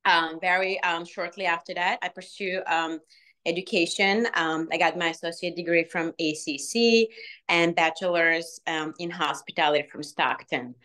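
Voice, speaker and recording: Brief: guest alumna, forties, Bulgarian accent, low-ish voice, halting earnest delivery. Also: female voice, fairly even intonation, fairly bright tone. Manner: earnest, many "um" pauses. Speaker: alumna guest, restaurant manager. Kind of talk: interview answers.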